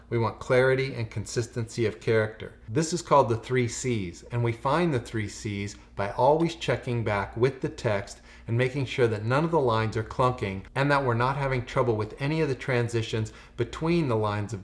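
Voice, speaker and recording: A man with a medium-pitched voice delivers an acting lesson. He has the deliberate manner of a drama teacher, explaining things in clear instructional steps. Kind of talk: instructional lecture to camera.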